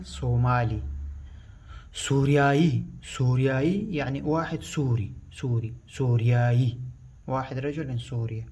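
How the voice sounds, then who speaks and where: Husky man teaching a language lesson. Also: mid-range voice, darkish tone. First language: Pashto. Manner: slow, repetitive, halting explanation.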